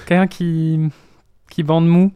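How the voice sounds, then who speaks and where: A young man, a researcher and teacher, patiently explaining in a relaxed chat and imitating English pronunciation. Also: fairly high pitch, slow pace, clean tone, no echo. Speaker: guest, doctoral researcher and teacher. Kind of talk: casual podcast chat.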